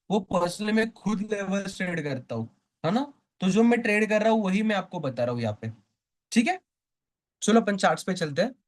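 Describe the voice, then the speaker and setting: A man teaching a live online stock trading class. He keeps asking the class questions, answers them himself, and checks in often to make sure they follow. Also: high-pitched.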